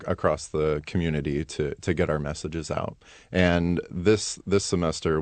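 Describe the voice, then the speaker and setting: Male student interview guest. Very deep bass voice, sincere delivery, no room sound. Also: darkish tone, dry recording. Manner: earnest. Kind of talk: earnest radio interview answers.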